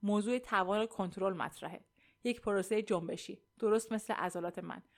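A woman's voice: medium pitch, gravelly, natural voice. Woman reading as a pushy salesman architect; glib, sure of himself. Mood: confident, selling. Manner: glib, self-assured.

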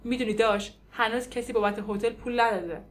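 A woman voicing a tough, streetwise woman who runs a love hotel, speaking in a husky, blunt and slangy way in an audiobook. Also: fairly high pitch, fairly even intonation, lightly acted. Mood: bargaining.

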